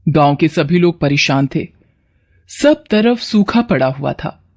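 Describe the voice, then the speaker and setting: Calm woman narrating a cartoon. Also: deep voice, slow pace. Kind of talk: scripted storybook narration.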